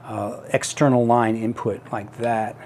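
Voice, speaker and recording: A middle-aged man walks through a device in a casual tutorial. His voice sits at an average pitch. He speaks haltingly, thinking aloud as he demonstrates each step. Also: level tone, a little mellow, a little hiss or hum. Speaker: tutorial presenter. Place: small home office room.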